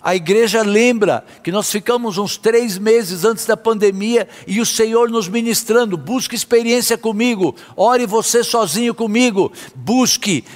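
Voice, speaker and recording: A man preaching a sermon as a pastor, impassioned, sometimes half-singing his phrases. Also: high voice. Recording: long hall reverb.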